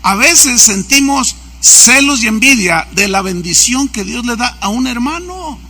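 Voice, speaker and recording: A male pastor delivers a sermon. His voice is very bright and sits high for a man. He acts out anecdotes and asks the congregation questions. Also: lively intonation, a little slow, breathy edge. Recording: church service recording.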